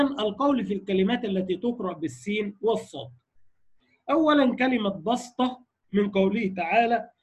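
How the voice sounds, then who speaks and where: A man's voice: sits high, breathy edge. A man with an Egyptian accent lecturing on recitation variants, explaining point by point and checking in with his students. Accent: Egyptian Arabic. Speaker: Quran recitation teacher.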